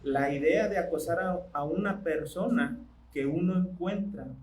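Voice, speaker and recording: A man preaching a sermon in church, speaking conversationally and asking his congregation questions that he pauses to let them answer. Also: fairly high pitch, darkish tone, poor audio.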